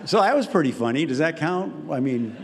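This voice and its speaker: An older man telling a comic story and answering audience questions, rambling and self-interrupting with wry deadpan asides. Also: a little high, fairly quick, gravelly. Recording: hall reverb, faint background noise.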